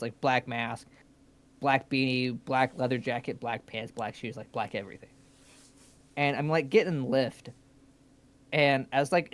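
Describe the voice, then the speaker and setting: A man's voice: mid-range voice, clear, resonant tone. A young man co-hosting a live stream, telling stories in casual chat and swearing freely. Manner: animated storyteller, swears a lot. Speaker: stream co-host.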